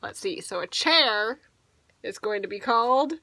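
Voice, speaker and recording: A woman teacher reads a picture book aloud to children, playfully expressive, stretching words for emphasis and tossing in asides. Her voice is medium-pitched at a measured pace, with no echo.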